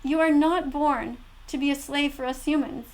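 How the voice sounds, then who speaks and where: High-pitched woman, earnest emphatic commentary. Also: steady tone, moderate pace, rough recording. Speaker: video creator, animal rights advocate. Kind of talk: spoken reaction commentary.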